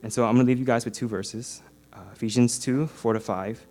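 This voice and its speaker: A man's voice: medium pitch, fairly even intonation, fairly quick, darkish tone, soft background music. A young man in his twenties from Singapore giving his baptism testimony at a church service, earnest and peppered with ums and uhs. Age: 20s. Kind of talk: prepared personal testimony.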